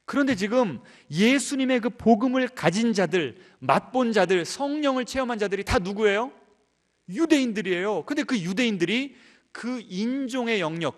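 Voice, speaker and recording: A male pastor preaching a sermon in a church, asking the congregation rhetorical questions and building to emphatic peaks. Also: high voice. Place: church sanctuary.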